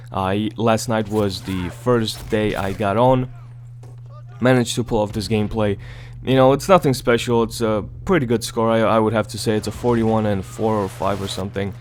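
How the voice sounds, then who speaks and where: A man's voice: on the low side, slight background noise. Groggy man giving casual game commentary. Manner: rambling, repeats words, swears casually. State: groggy morning voice. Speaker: gaming YouTuber.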